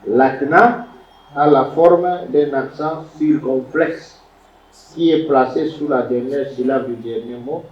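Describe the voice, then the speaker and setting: A man's voice: medium pitch, slow. A man teaching biblical Hebrew grammar to a class, repeating words and quizzing his students as he lectures. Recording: roomy, distant, dull lo-fi classroom recording.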